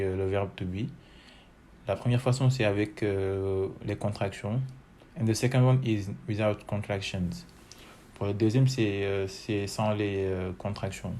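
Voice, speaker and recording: A man with as his talks through an English grammar lesson very slowly, hesitating often and repeating each form. His voice sits a little low. A faint hiss runs under the recording. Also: fairly even intonation, warm tone. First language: French. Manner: slow and hesitant, many fillers, repeats each form several times. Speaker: English teacher. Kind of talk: bilingual online lesson, switching between French and English.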